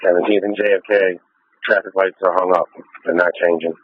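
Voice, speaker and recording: A man's voice: deep voice, level tone, fairly quick, dry recording. A man speaking as a police officer, calling in short, terse messages over the radio. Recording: tinny narrowband scanner radio.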